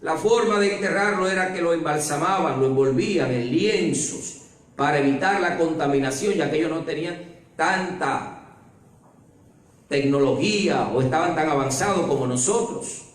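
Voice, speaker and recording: A male pastor preaching a sermon in church, swinging between low murmurs and loud climaxes. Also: normal speed. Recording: very echoey church hall, mic at a distance.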